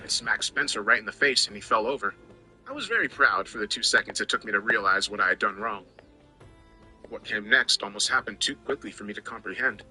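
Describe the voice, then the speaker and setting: A man's voice: fairly low pitch, expressive, a little fast, sharp tone, soft background music, poor audio. A man narrating a scripted first-person story in a wry, conversational way.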